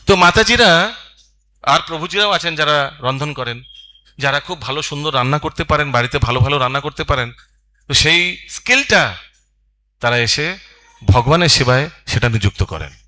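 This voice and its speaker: A man giving a devotional scripture class to an audience, preaching with lively emphasis and slipping in English phrases. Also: fairly high pitch, moderate pace, pauses often. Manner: animated preaching, mixes English phrases, leads chanting. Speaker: Gita class speaker.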